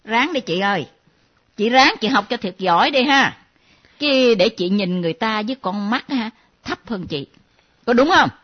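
A woman's voice: a little high, normal speed. A woman doing a nosy, teasing younger friend. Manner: teasing, lively, mimicking. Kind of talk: comedy sketch acting. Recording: dull lo-fi recording.

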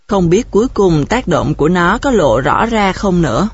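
A woman narrating an audiobook in a steady, measured storytelling manner. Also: fairly low pitch, slightly rough. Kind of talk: audiobook reading. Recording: dull, dry recording.

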